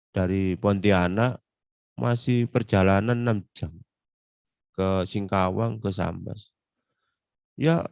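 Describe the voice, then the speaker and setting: A middle-aged man with an East Javanese accent giving a chatty classroom lecture on law practice, acting out client talk in quick asides. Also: fairly low pitch, vocal fry, warm tone, dry recording.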